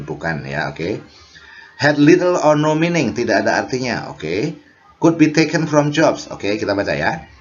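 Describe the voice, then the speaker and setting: A man's voice: mid-range voice, highs cut off. A man with an Indonesian accent, explaining English exam reading questions as a teacher, full of fillers and self-corrections.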